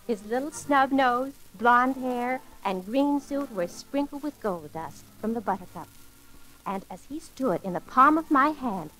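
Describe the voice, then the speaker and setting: A woman narrating a children's story for an old record in a sweet, gently theatrical way, talking kindly to a little elf. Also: on the high side, lively intonation, measured pace, faint music behind, poor audio. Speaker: storyteller and host.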